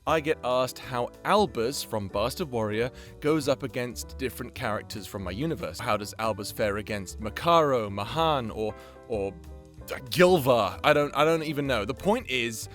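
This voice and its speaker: With soft music playing behind him, the creator and host of a fan-facing channel delivers loose, profanity-laced, wandering commentary. He sounds animated and fairly bright, speaking at a moderate pace in a mid-range voice.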